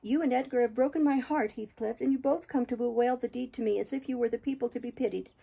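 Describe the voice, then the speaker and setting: Reading aloud, a woman takes on the voice of a young woman dying in a fever, her pitch climbing in bitter, pleading speech. She talks fast, with a warm, gravelly tone edged with breath, and the audio quality is poor.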